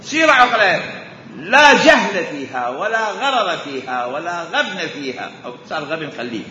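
A man giving an animated lecture on Islamic jurisprudence, asking rhetorical questions and repeating key points. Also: a little high, a little fast, slight background noise. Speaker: religious scholar teaching jurisprudence. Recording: echoey hall, dull lo-fi sound.

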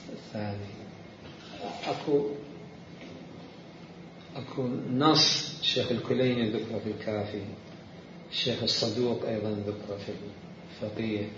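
A man teaching a seminary jurisprudence lesson, explaining slowly and repeating key words as he reads texts aloud. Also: medium pitch, slight background noise. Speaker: religious law teacher. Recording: roomy, distant, muffled lecture recording.

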